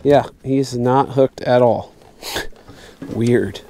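A young man vlogging while fishing from a river sandbar at night, talking to himself in a relaxed, wry way, recorded outdoors on a camera mic. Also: mid-range voice, extremely slow, a little hiss or hum. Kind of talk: casual outdoor vlog narration. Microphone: camera-mounted mic, sometimes off-axis.

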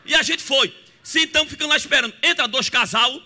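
High bright-voiced Pernambuco preacher-singer. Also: male voice, fast. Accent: Pernambuco Brazilian Portuguese. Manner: animated storytelling, breaks into singing and shouted praise. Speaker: gospel singer. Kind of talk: church testimony and worship singing. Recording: live church with music behind.

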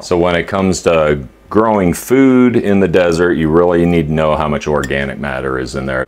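A man in his fifties, co-hosting a homesteading channel, explains a topic to the camera in his kitchen in a steady, instructive way. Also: very deep voice. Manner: steady, instructive, listing points. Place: home kitchen indoors.

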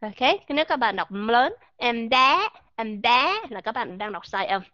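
A woman's voice: a little high, expressive, moderate pace, fairly bright tone, no echo. A woman teaching English pronunciation in an online lesson, patiently explaining, repeating example words and asking her listeners questions. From Vietnam. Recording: dry, dull lo-fi recording.

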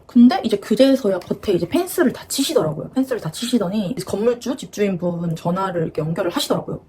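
A woman's voice: mid-range voice, lively intonation, fast talker, mellow, a little hiss or hum. A woman in her twenties chatting through a story in a casual vlog. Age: 20s. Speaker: beauty vlogger.

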